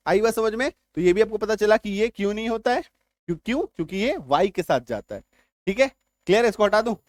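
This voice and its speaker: A man teaching English spelling and pronunciation in Hindi, going slowly, repeating words and often checking whether his viewers understood. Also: high voice, expressive, darkish tone, no room sound, studio quality. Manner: slow and repetitive, often checking that viewers follow. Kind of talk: spoken Hindi spelling lesson.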